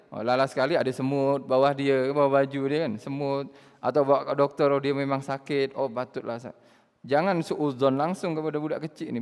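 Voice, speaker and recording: A man giving a relaxed Islamic study lecture, chatting, laughing and acting out voices. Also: mid-range voice, in a large hall. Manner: conversational, laughing, acting out quoted speakers. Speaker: religious teacher.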